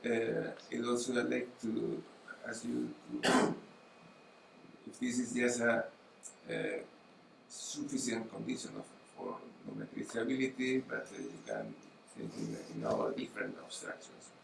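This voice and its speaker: A middle-aged man who is not a native English speaker, questioning formally and haltingly as an academic examiner at a thesis defense. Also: on the low side, very animated, gravelly. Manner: halting, with repeated words and searching pauses. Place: university auditorium. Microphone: gooseneck table microphone. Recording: distant mic in echoey hall, faint noise.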